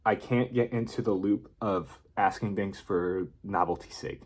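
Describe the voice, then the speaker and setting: A man's voice: on the low side, a little slow. A man talking casually in an unscripted video diary, rambling and hesitant as he thinks aloud. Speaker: vlogger.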